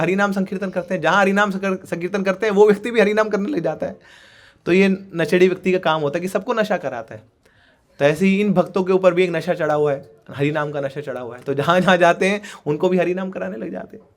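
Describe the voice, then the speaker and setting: A man with a high, bright voice delivers an animated sermon. He tells the story vividly, acting out its people, and slows down to chant verses in a singsong way. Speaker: preacher. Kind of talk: Hindi sermon with sung verse recitation.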